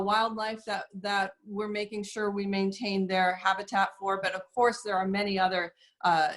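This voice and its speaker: A woman talks as an interview guest, measured and earnest, often pausing on fillers as she explains. Her voice sits at a middle pitch. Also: a bit bright. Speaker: guest, soap company representative. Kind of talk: casual interview talk.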